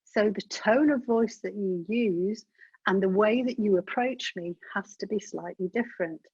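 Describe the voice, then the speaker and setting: A woman's voice: medium pitch, moderate pace, a little mellow, breathy edge, no room sound. Chatty woman presenting a webinar. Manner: chatty and practical, direct tips to the audience. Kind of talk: instructional webinar talk. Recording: dull dry webinar audio.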